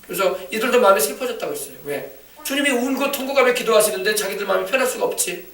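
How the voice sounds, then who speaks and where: A high-voiced male pastor preaches with passion and urges his flock with calls for an amen. His voice rings through a large church sanctuary and sounds far from the mic. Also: lively intonation, very fast, gravelly, a bit bright. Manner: impassioned preaching, calls for amens. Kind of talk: sermon. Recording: echoey church from a distance.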